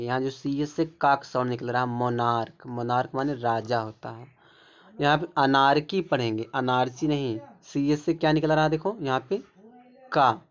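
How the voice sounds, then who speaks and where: A man's voice: medium pitch, clear, resonant tone. Man, English teacher, repetitive pointing-out manner, mid voice, muffled lo-fi sound. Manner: repetitive, keeps pointing things out. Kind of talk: explaining pronunciation rules. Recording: dull lo-fi recording.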